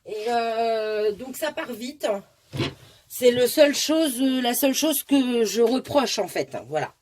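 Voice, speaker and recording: A woman's voice: fairly high pitch, lively intonation, takes it slowly, darkish tone. A woman hosting a casual craft tutorial, explaining step by step in a chatty way with many asides. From France.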